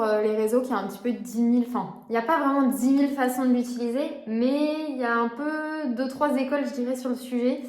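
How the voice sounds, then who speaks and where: A woman's voice: a little high, darkish tone, reverberant. A woman in her twenties chatting casually as a beauty vlogger, with frequent hesitations. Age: 20s. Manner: chatty, frequent "euh" fillers. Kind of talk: casual vlog chat.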